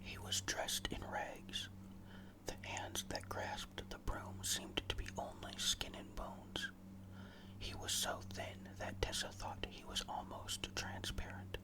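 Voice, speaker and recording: This is a low-quality recording of a ghost story read as ASMR. The storyteller stays in a fully unvoiced whisper throughout, deliberate, hushed and suspenseful, as scripted narration meant for close listening.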